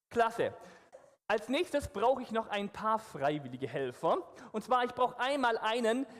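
A man's voice: high-pitched, in a large hall. A man leading a church service as pastor, upbeat and coaxing as he talks the congregation through an interactive story. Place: church hall with stage.

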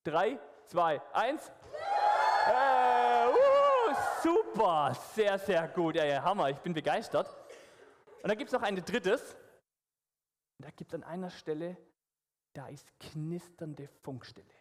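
A man's voice: high voice, big pitch swings, measured pace, in a large hall, very noisy. A man leading a church service as pastor, upbeat and coaxing as he talks the congregation through an interactive story. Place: church hall with stage.

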